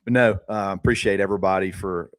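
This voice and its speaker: A man's voice: deep voice, quick pace, no room sound. A man co-hosting a sports podcast, telling stories in casual chat and laughing often. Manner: laughs often, animated storytelling.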